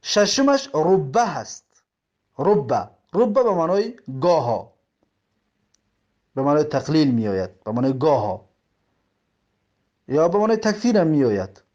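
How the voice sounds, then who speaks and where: A man's voice: fairly high pitch, sing-song, darkish tone, muffled recording. A man with a Tajik accent teaches an Arabic grammar lesson, explaining step by step, repeating terms and giving examples. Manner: reads the Arabic text slowly, word by word.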